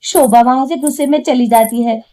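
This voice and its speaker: A woman's voice: high-pitched, fairly quick, warm tone. A woman narrating a cartoon story in a plain, matter-of-fact way.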